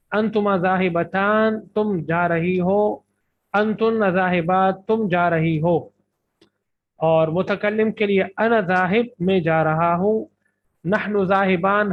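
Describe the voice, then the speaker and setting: Male grammar teacher, Urdu accent, high voice, drills lists slowly; tinny lo-fi lecture recording. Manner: methodical, drills word lists slowly with translations. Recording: tinny phone-like lo-fi audio.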